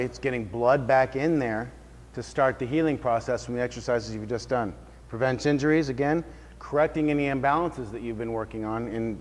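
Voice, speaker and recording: A man working as a fitness trainer, giving an informal workshop talk to a group in a casual, explanatory way and checking in with his listeners. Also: medium pitch. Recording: reverberant hall sound.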